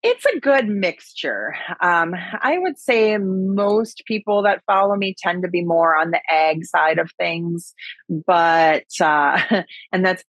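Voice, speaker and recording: A woman from Wisconsin, USA, a podcast guest who advocates for and speaks about agriculture, chats casually in an interview with a Wisconsin accent. Her lowish voice is slow and a bit bright, recorded lo-fi with no echo.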